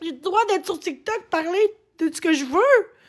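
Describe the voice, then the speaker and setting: High-voiced Québécois woman ranting on a live stream. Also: lively intonation, moderate pace. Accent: Québécois French. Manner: agitated, swearing often, rambling complaints. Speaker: livestreamer. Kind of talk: casual live-stream rant.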